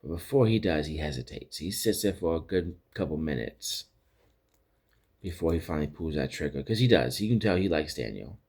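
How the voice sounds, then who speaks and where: Male podcast host, very low voice, loose rambling episode recap. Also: expressive, brisk, darkish tone, slightly rough. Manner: rambling retelling with many restarts and quoted lines. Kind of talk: casual recap chat.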